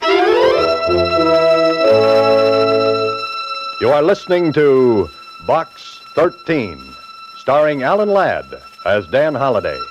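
A man's voice: a little high, huge pitch swings, a little slow. A man announcing a radio drama in a dramatic 1940s style. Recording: muffled vintage radio recording, loud music.

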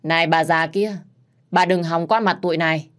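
A woman's voice: fairly low pitch, steady tone, normal speed, natural voice. A woman doing a swaggering young thug. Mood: threatening. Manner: threatening, blunt. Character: menacing young male debt-collecting thug.

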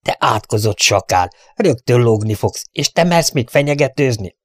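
A man's voice: on the low side, fairly even intonation, a little mellow, no echo, studio quality, close to an everyday voice. A man voicing a cruel, mocking bandit who threatens and sneers. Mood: furious.

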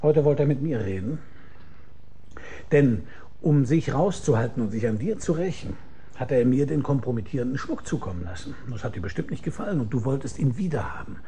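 An actor lightly plays a dry, sardonic and shrewd private detective narrating his own tale in first person for a German radio crime drama. Smug and explanatory, he tells it in a dry, mocking, deliberate way, his medium-pitched male voice animated yet mellow. A slight background noise is present.

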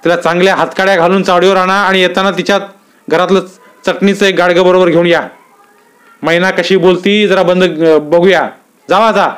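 A male storyteller voicing a gruff, abusive middle-aged police inspector who barks and curses at his men. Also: high-pitched, normal speed, voice pushed up, lightly acted. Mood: angry barking. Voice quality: barking, cursing.

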